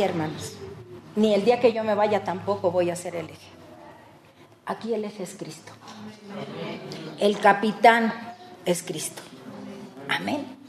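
Older woman preacher, Mexican accent, high-pitched, folksy and conversational, swings loud to hushed; echoey church room. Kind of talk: conversational sermon. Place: church hall.

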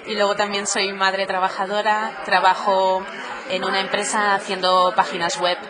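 A middle-aged woman from Catalonia, answering interview questions casually, with many pauses and fillers. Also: medium pitch, little pitch movement, crowd noise. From Catalonia, Spain. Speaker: podcaster, guest.

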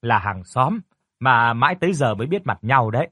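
A tearful, fretful mother , as a male storyteller puts her on, her pitch lifted above his usual voice. She frets and pleads in a husky, dry tone. The storybook reading stays close to the mic. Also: lively intonation, moderate pace, pushed and bright, dry recording. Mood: polite. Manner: anxious, fussing, pleading. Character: worried, tearful middle-aged mother.

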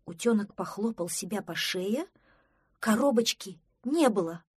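A woman narrating a children's storybook in a lively, expressive reading. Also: medium pitch, unhurried, breathy edge, dry recording, clean studio sound. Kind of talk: storybook reading with character voices.

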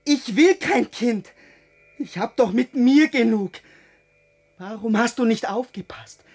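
A man's voice: very high voice, expressive, slow pace, breathy edge, soft background music, heavily acted. A man playing a cold, defiant young village man in a radio play, curt and harsh. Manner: curt, cold, turning to shouting.

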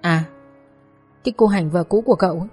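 A woman voicing a smooth-talking male family friend who speaks in a quick, confiding way. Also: lowish voice, darkish tone, soft background music.

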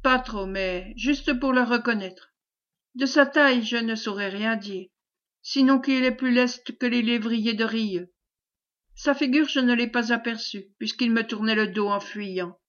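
A brusque knight who barks orders and swears over his stolen purse, voiced lightly by a woman reading aloud. He speaks in short, clipped commands, a little high in pitch, from a dull, lo-fi home recording. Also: measured pace, a bit bright. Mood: commanding. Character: commanding male knight, greedy and stubborn.

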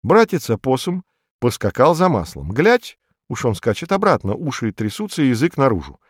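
A man reads a folk tale aloud in an expressive storytelling voice, his pitch swinging up and down through the scenes. The sound is close and dry, with a middle-pitched tone. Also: moderate pace, husky, no echo.

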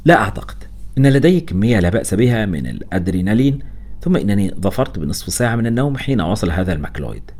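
A man's voice: on the low side, very animated, darkish tone. A man reading as a sarcastic young male doctor. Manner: sarcastic, quick-witted.

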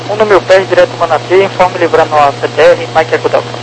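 A man's voice: fairly high pitch, steady tone, fast talker, over loud music. A Brazilian man working as an air traffic controller, giving clipped instructions over an aircraft radio. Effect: aircraft radio transmission. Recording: noisy aviation radio with hum.

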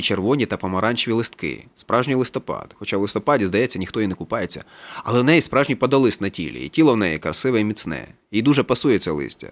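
A man reading literary prose aloud as an audiobook narrator, with a brisk, even storytelling manner. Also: lowish voice. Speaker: audiobook reader.

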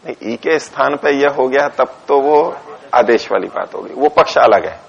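A man's voice: mid-range voice, normal speed, vocal fry. A man teaching a class on a philosophy text. He reads Sanskrit lines aloud, explains each one in Hindi, dictates punctuation to the students and answers his own questions. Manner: asks questions to the class and answers them himself. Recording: dull lo-fi lecture recording.

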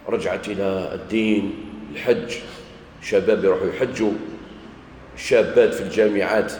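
A man from Algeria with an Algerian Arabic accent, preaching a sermon lecture and telling stories with acted-out dialogue. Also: lowish voice. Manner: animated storytelling, acts out dialogues. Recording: echoey hall, faint background noise.

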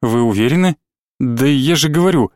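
Brief: scared young woman, read by a man, quiet and shaky, dry close sound. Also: medium pitch, expressive, normal speed, no echo, close to an everyday voice. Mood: tense. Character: frightened tearful young woman. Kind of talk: audiobook character voice.

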